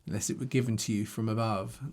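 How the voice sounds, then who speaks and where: This Bible teacher's voice sits on the low side, slightly mellow, with fairly even intonation and a fast pace. He reads scripture and teaches on it conversationally into his own video camera, thinking aloud with restarts.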